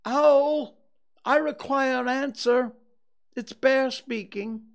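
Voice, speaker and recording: A storybook reader voicing a humble, slow-witted, dreamy toy bear with a hesitant, wistful manner. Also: mid-range voice, lively intonation, gravelly, voice pushed up, full character voice. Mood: calling out.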